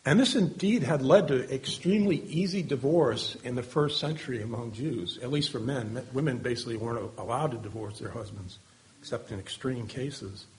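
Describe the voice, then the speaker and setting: Guy giving a sermon, mid pitch, earnest, asks lots of questions, voice drops off at the ends. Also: a little fast. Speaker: preacher.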